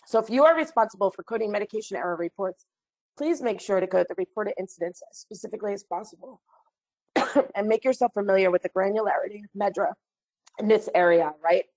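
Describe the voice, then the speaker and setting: A woman, a little hoarse from a recent cold, wraps up an online training session over a computer mic. She talks in a friendly, chatty way, slipping in small apologies. Her pitch sits in the ordinary middle range. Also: fast talker, a little mellow, low-quality recording. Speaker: webinar trainer. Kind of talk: online training webinar wrap-up.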